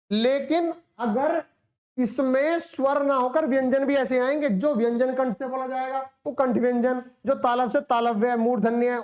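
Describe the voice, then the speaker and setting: High-voiced woman teacher in an echoey room. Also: a little mellow. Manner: explains step by step, asks questions and answers them herself; demonstrates sounds by drawing them out. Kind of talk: classroom lecture.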